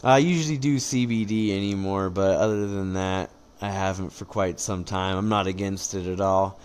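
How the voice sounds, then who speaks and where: Male competitor as interview guest, low register, measured and conversational, faint noise behind. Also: fairly even intonation. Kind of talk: casual podcast interview chat.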